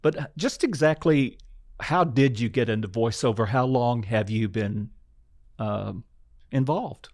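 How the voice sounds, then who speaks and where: A man's voice: medium pitch, measured pace, a little mellow, dry recording, clean studio sound. A man hosting an interview show, asking questions in a friendly conversational way with occasional ums. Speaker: show host.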